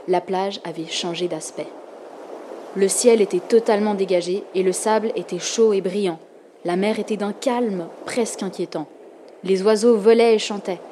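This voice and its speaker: A woman narrating a storybook with calm, expressive reading. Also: medium pitch, noisy background.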